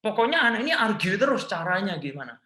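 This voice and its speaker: Indonesian pastor preaching, bright tense voice, big echoey church, goes loud then soft. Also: male voice, sits high, big pitch swings, fast. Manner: switches often between Indonesian and English phrases; dynamic, swings from loud emphatic lines to hushed quiet ones. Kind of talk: sermon. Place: large church hall.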